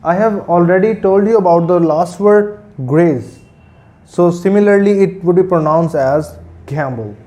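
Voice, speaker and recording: A man drills words one at a time in a slow, mellow delivery. He pronounces each word several times and explains in Urdu-Hindi, in a slightly raised voice for a man. Faint noise hums behind him. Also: high voice. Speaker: English pronunciation teacher. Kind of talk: pronunciation lesson.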